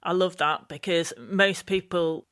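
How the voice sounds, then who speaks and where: A woman who is a returning podcast guest, joining by video call and talking in a lively, playful way. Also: lowish voice, measured pace, clear, resonant tone. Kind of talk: casual podcast chat.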